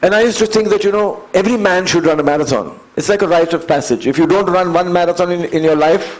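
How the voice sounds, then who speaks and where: A man in his fifties with an Indian English accent, telling his story as an interview guest in an earnest, measured way and building his points through repeated phrases. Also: sits high, rough recording. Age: 50s. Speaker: guest, endurance athlete.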